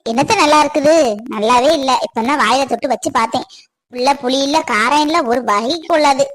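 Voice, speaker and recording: A woman's voice: high voice, fairly quick, fairly bright tone, rough recording. A woman voicing a strict, fault-finding middle-aged stepmother in a cartoon, speaking sharply. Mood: scolding. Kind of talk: cartoon voice acting.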